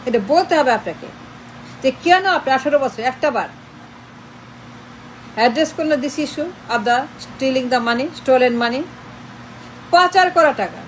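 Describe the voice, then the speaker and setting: A high-voiced female political commentator delivers an impassioned online monologue, confrontationally firing repeated rhetorical questions and switching between Bengali and English in her demands. She speaks expressively and a little slowly with long pauses, over poor audio and a faint traffic hum.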